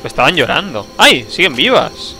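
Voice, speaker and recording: A man's voice: medium pitch, moderate pace, bright, forceful tone. A young man, casually commenting on a game he is playing, joking and bursting out. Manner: chatty, joking, talking to himself, sudden outbursts. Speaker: streamer. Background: game music.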